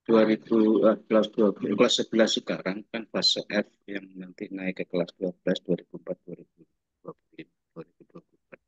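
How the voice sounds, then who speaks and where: A man, a high school teacher, asking a question during a webinar over a video call that glitches and breaks up, speaking in halting bursts as he searches for words. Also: breathy edge, no room sound. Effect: choppy, glitching call audio that breaks up. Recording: dull lo-fi dry online call.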